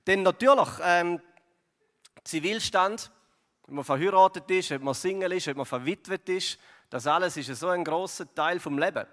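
A man's voice: high voice, normal speed, a bit bright. A man with a Swiss German accent giving a conversational sermon as pastor, full of fillers and tag questions like "gell" and "oder". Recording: long hall reverb.

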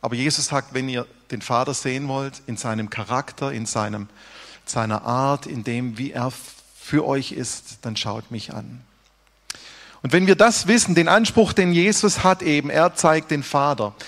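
A man preaching a sermon earnestly, rising for emphasis and dropping to hushed, dramatic lines. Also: mid-range voice, moderate pace, in a large hall. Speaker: pastor.

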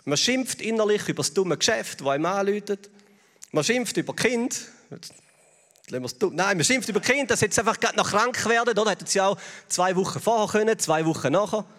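A man's voice: sits high, expressive, fairly quick, fairly bright tone. A man with a Swiss German accent preaching a sermon in a chatty way, often tossing in little tag questions to the congregation. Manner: conversational, with frequent tag questions. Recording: long reverb of a large hall.

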